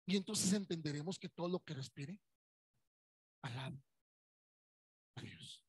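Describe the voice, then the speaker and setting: A man's voice: on the high side, a little slow, husky, no echo. A man with a Mexican accent preaching a Sunday sermon as pastor, in a conversational way. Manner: conversational preaching, acts out churchgoers' voices.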